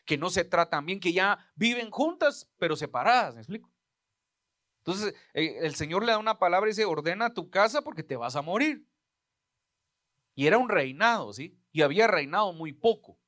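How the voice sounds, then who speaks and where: Emphatic high-voiced pastor. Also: male voice, fairly bright tone, no room sound, studio quality. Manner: emphatic preaching, frequent "hermano" and "¿sí?" asides. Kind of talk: sermon.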